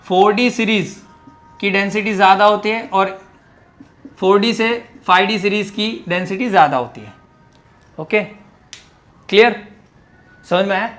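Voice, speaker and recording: A man with a notably high-pitched voice teaches a chemistry class. He works through each point step by step, mixing technical into his speech and pausing often to ask whether the students understand. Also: a bit bright. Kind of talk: classroom lecture.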